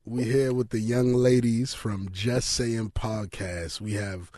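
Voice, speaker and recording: A man's voice: fairly low pitch, steady tone, slow pace, mellow, no room sound. Slangy male podcast host, dry close sound. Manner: crude, slangy, teasing. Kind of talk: casual chat.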